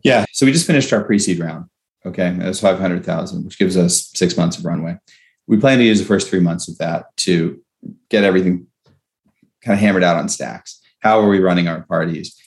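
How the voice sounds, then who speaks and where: A man with a low voice, speaking a little fast, plays a startup founder in a conversational interview. He explains things step by step, checking in with "right?" and "okay?".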